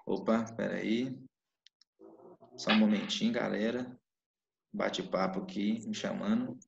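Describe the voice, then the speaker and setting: A man's voice: lowish voice, steady tone, unhurried, creaky. A man teaching a live online class, checking in with his students with "né?" and "tá?" as he explains. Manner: explains with frequent "né?" and "tá?" check-ins. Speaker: Portuguese teacher. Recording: echoey room, dull lo-fi mic.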